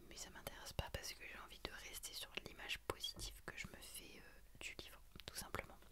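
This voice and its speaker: A young adult woman, an ASMR creator, chats about books in a hushed, breathy whisper like someone in a library. She pauses hesitantly as she goes along.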